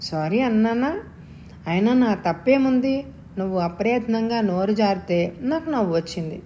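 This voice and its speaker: A woman's voice: a little high, animated, normal speed, mellow, a little hiss or hum, voice pushed up, lightly acted. A woman voicing a suave, wealthy young man who speaks with playful confidence in a storybook reading. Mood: teasing.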